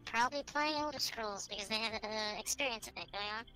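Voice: medium pitch, brisk, pushed and bright, soft background music, poor audio. A woman streamer chatting casually while gaming, her voice run through a voice changer filter.

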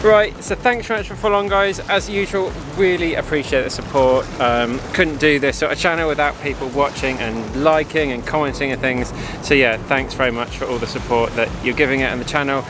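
A man's voice: medium pitch, brisk, few pauses, background noise. A man, chatting casually to a camera at about arm's length in the open air. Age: 30s. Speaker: running vlogger.

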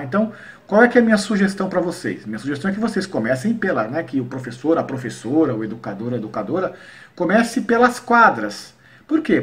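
A man from Paraíba leads an online lesson on cordel poetry. His voice sits a little higher than most men's. He explains patiently and slows into a rhythmic cadence whenever he recites verse. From Paraíba, Brazil. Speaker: cordel poet and workshop teacher.

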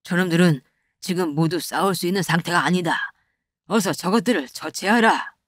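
A woman's voice: on the low side, normal speed, dry recording, studio quality, pitched below the performer's own voice, lightly acted. A woman voicing a boastful male bandit chief who gives orders in old-fashioned speech, in a comic animation. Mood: commanding. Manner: commanding, archaic speech.

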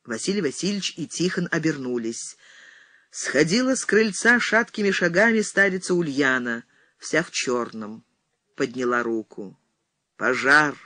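A woman narrating a historical novel for an audiobook in an even, deliberate reading voice. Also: sits low, no room sound. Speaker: audiobook reader.

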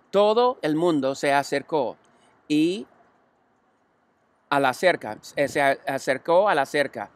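Slow careful male storybook reader. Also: a little high. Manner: slow, careful reading with occasional slips and restarts. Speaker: audiobook reader. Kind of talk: storybook reading.

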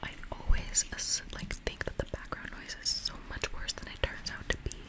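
A young adult woman rambles casually in a breathy ASMR whisper, very close to the microphone, with nail taps. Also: moderate pace. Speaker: ASMR video creator. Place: small bedroom. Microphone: close desktop condenser microphone.

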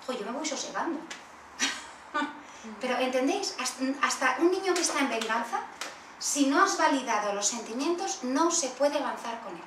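A woman with a Spanish accent from Spain leading an interactive workshop, animated and acting out examples. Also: high voice, normal speed. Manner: animated, acts out children's voices in role-play. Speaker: workshop facilitator. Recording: roomy far-off room recording with faint noise.

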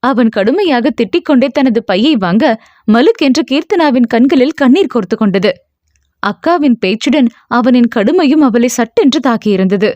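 A woman narrating a novel in a steady storytelling manner. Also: a little high, moderate pace, no echo, dull audio. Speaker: audiobook narrator. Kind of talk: scripted narration.

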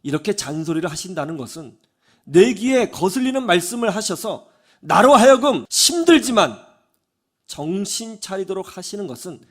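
A male pastor preaching a sermon in an animated way, often putting questions to the congregation. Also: high-pitched.

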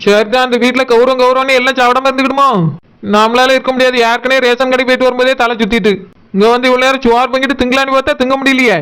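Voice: sits high, level tone, rapid-fire, fairly bright tone, smooth. A voice actor playing a hungry, grumbling village woman with a Tirunelveli Tamil accent, complaining about the food going cold. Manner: grumbling, comic. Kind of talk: cartoon voice acting.

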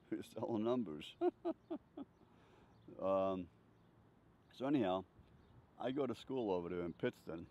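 Speaking a little slowly with frequent pauses, an older man with a lowish, dark-toned voice tells rambling life stories and laughs often. He sits on an outdoor bench while a handheld furry-windscreen mic is held near his chest; the recording is slightly dull, with faint outdoor sounds.

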